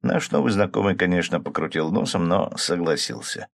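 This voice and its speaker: A man narrating a first-person audiobook in a calm manner, shifting his pitch slightly to voice the characters. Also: normal speed, gravelly.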